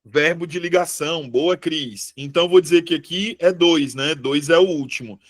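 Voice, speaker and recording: A man whose voice is on the high side and who speaks at normal speed teaches a live exam-prep review with a Brazilian Portuguese accent. Chatty in manner, he checks in with the students and corrects himself audibly.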